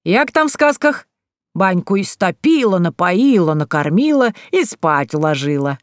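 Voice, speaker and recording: A woman's voice: fairly low pitch, very animated, a little slow, dry recording, clean studio sound. A woman doing a drawling, teasing village girl. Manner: drawling, teasing, rustic dialect words.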